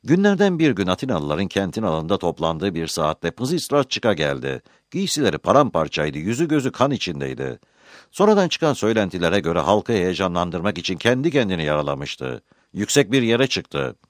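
A man with a deep, low voice narrates a scripted history documentary as a studio voice-over. His delivery is measured and storytelling, and his pitch moves in wide, expressive swings for dramatic emphasis. The recording is dry and close, with no room sound. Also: no room sound.

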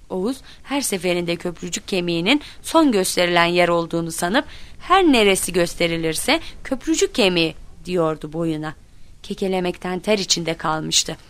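Woman, lowish voice, storybook narrator, lively quoted voices. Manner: lively, voices quoted children and teachers with raised pitch. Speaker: narrator reading a children's book.

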